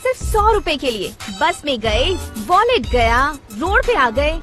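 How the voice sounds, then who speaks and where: A woman's voice: high voice, sing-song, measured pace, a bit bright, soft background music, heavily acted. A woman dubbing a playful, teasing young woman with a sing-song manner in a Hindi film.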